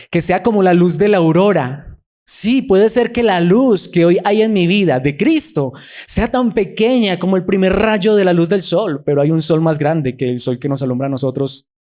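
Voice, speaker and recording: Male pastor, sermon delivery, earnest, lightish mellow voice with swells of emphasis. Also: a little high. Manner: earnest, rises and falls in emphasis.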